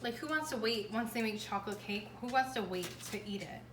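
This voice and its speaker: A woman's voice: a little high, expressive, a little fast, a bit bright. A woman giving a casual, chatty home cooking demonstration in a kitchen, talking in an emphatic, exclamatory way. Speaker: home baking show host. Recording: roomy, distant mic, clear background noise.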